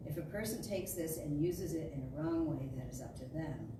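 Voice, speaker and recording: With a deep voice and lively intonation, a woman gives a dramatic, emphatic reading of a metaphysical spiritual talk, phrasing each line deliberately. The sound comes from a distance in a big indoor spiritual center hall, echoing and noisy.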